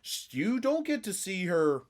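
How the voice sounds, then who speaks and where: A man's voice: sits high, big pitch swings, unhurried. A man co-hosting a casual podcast, chatty, laughing often and filling his talk with "like". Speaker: podcast co-host. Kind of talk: casual chat.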